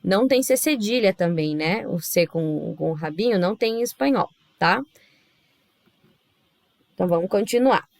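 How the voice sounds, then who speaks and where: A woman's voice: medium pitch, expressive, normal speed, pauses often, darkish tone, no room sound. A woman teaching a Spanish class with a Brazilian Portuguese accent, explaining patiently step by step and checking in with her students. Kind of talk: recorded class lesson.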